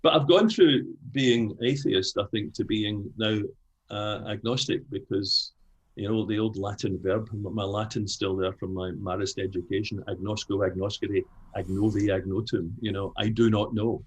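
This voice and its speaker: A man's voice: on the low side, steady tone, normal speed, husky, poor audio. A Scottish man, older, speaking frankly as an interview guest, with many restarts. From Scotland. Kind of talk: conversational interview.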